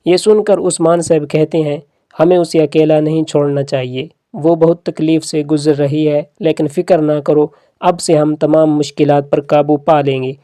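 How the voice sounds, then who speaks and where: Mellow, dry-voiced drama recap narrator. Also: mid-range voice, steady tone, no echo. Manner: reads characters' lines plainly as quotes within the retelling.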